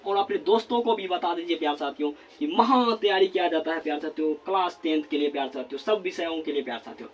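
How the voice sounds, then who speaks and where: A male teacher giving a classroom grammar lesson at a board, repeating words slowly as he writes and asking questions he then answers himself. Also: high voice, a little hiss or hum. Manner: repeats words slowly while writing, constant filler phrase.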